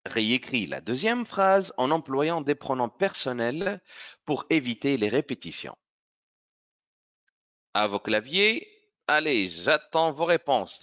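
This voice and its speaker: A male teacher runs an online French grammar lesson for children. He speaks slowly and with a lively, rising and falling pitch. His tone is bright, and the lo-fi audio sounds a little dull. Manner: encouraging, praises pupils by name; slow, careful explaining.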